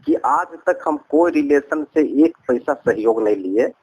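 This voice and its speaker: Here a man with a Bihari accent earnestly recounts personal matters at length over a recorded phone call, doubling back to restate his points. His voice leans high, animated and a little mellow with slight roughness, at a measured pace and without room sound.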